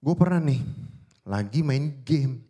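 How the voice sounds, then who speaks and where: A young man performs stand-up before a live audience, talking animatedly and jumping into impersonations of odd voices. His voice is medium-pitched and slightly rough, and he takes it slowly.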